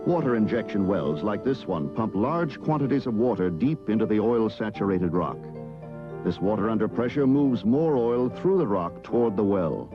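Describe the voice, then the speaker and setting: Lowish earnest male announcer, animated. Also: moderate pace. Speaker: commercial announcer. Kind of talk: earnest scripted corporate ad narration. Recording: dull old TV ad, music bed.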